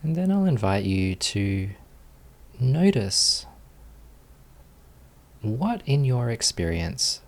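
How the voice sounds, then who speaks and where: A man with a mid-range voice leads a guided meditation as a teacher. He speaks calmly and soothingly, leaving long pauses.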